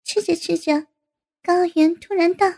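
A woman narrating a story in a steady, even reading voice. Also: very high-pitched, moderate pace, creaky.

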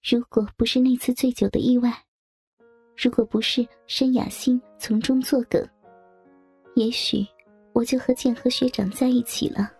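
A woman narrating a first-person audio story in a soft, intimate way over faint background music. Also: on the high side, steady tone, moderate pace, husky.

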